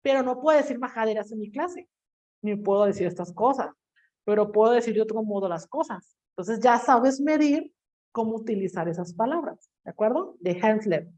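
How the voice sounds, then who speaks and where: A woman teacher giving a classroom lecture in a lively way, acting out quoted voices and asking the class questions. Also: a little high, normal speed. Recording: dull lo-fi recording.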